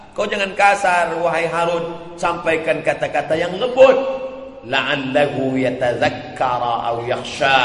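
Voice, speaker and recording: A man's voice: mid-range voice, pushed and bright. A man preaching a sermon with emphatic repetition, rhetorical questions and chuckling asides. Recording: echoey hall with long reverb.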